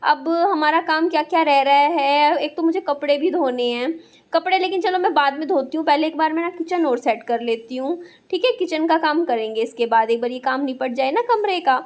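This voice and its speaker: A woman's voice: high voice, moderate pace. A young woman narrating her day in a chatty, rambling vlog, full of fillers. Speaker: vlogger.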